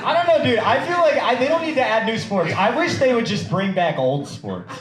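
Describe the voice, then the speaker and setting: A young man performing a stand-up comedy set, swearing and throwing quick asides to the crowd. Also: extremely high pitch, very animated. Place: comedy club stage with audience. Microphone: handheld stage mic. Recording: roomy club with crowd noise.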